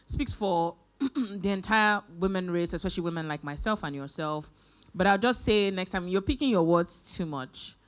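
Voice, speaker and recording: A woman's voice: lowish voice, normal speed, smooth. Earnest woman judge giving notes. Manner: earnest, stumbles on starts. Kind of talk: live talent show feedback.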